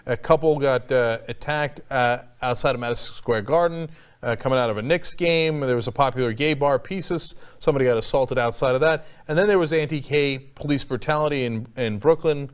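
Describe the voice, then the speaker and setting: A man's voice: medium pitch, fairly quick, clear, resonant tone. Opinionated male talk show host. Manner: opinionated, swears, many fillers and restarts. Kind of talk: casual opinion chat.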